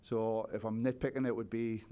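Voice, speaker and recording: A man's voice: on the low side, flat delivery, normal speed, smooth, muffled recording. A man in his forties, a head coach, giving thoughtful postgame answers at a press conference, seated at a table with a microphone. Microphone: table microphone on a stand.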